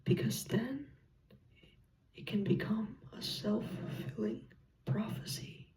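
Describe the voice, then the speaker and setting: A soft, breathy whisper delivers a reassuring ASMR pep talk. The pace is very unhurried, with gentle pauses between short phrases. The tone is mellow, and the voice sits a little away from the mic. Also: mid-range voice, distant mic, a little hiss or hum. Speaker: ASMR content creator.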